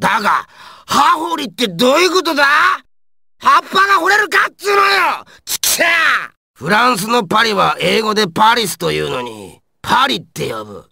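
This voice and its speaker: An actor voices an irritated, hot-tempered male villain who wields ice in an anime video game. The full character voice is very high, pushed, and bright, delivered with a coarse, raspy, gravelly snarl in studio quality with no echo.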